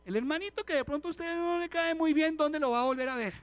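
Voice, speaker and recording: A middle-aged pastor preaching to his congregation, his voice sitting unusually high for a man. He keeps it lively and conversational, telling funny stories and peppering the pews with questions. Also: fast talker, no room sound. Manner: animated and chatty, with humorous stories and direct questions to the congregation. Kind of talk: live church sermon. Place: church service before a congregation.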